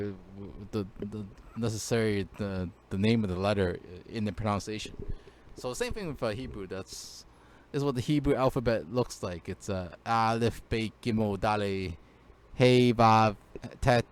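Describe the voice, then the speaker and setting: A man's voice: on the low side, normal speed, a little hiss or hum. A man teaching a casual screen-share language lesson, hesitant, with many fillers and restarts.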